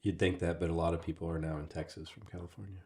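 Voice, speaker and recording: Dry, sarcastic man with a very deep voice. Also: fairly even intonation, racing, darkish tone, breathy edge. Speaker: podcast co-host. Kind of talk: casual chat with his wife.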